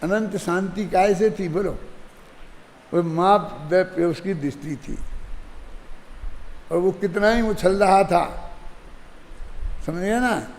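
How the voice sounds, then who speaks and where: A man's voice: high-pitched, slow pace, long pauses, darkish tone. An older man teaching a religious discourse in a conversational way, often checking that his listeners follow. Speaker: Jain scripture teacher. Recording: hall reverb with faint ambient noise.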